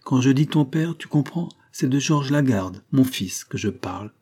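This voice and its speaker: An old grandmother, frail and short of breath, as a male reader puts her on, speaking with a strained, earnest effort. Her lines sit noticeably higher than the reader's own voice. The tone stays dark and husky throughout, in a storybook reading. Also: animated, normal speed. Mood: pleading. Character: frail asthmatic old grandmother, stern but loving.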